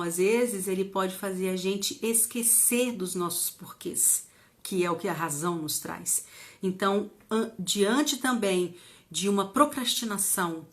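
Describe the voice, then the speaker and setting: A woman giving a motivational talk, emphatic, acting out little quoted scenes with strong intonation. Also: mid-range voice. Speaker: motivational speaker.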